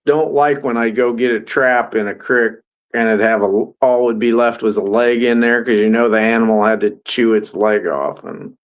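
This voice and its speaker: A man's voice: mid-range voice, steady tone, moderate pace, clean tone. A man co-hosting a casual sports podcast over an online call, folksy and rambling. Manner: rambling, folksy, restarts often. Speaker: podcast co-host.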